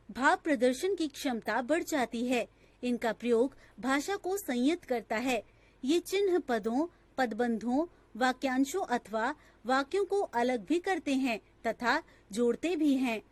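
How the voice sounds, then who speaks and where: A woman narrating a scripted grammar lesson in a slow, measured, textbook-style reading. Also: high voice, lively intonation, no room sound.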